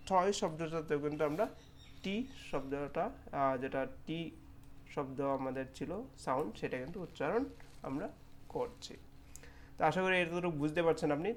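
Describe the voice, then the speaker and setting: A man teaching English pronunciation in Bengali, saying English example words slowly and repeating them. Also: on the high side, slight background noise. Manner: repeats the filler "okay" often. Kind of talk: phonetics lesson.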